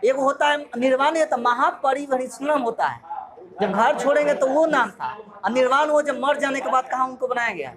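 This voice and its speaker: A man's voice: extremely high pitch, moderate pace, a crowd in the background. A man from Bihar with a Bihari accent, a coaching teacher running a jokey quiz revision and quizzing his class. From Bihar, India. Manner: jokey, asks the class questions. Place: classroom full of students. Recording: noisy crowded classroom. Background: students in the room.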